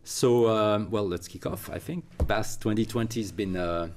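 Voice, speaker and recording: At a normal speed and with a voice on the low side, a consultant interviews a guest in a studio. His conversational delivery is full of fillers and restarts, with slight background noise in the recording.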